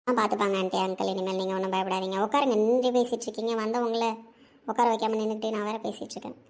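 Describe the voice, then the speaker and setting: A woman playing a kind young granddaughter who talks in a brisk, reassuring way. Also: mid-range voice, level tone, darkish tone, natural voice. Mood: caring.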